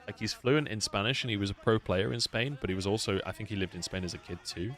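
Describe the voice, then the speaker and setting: A man's voice: on the low side, quick pace, fairly bright tone. A British man, an esports caster, chatting casually on a stream, swearing freely and answering viewers' questions. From United Kingdom.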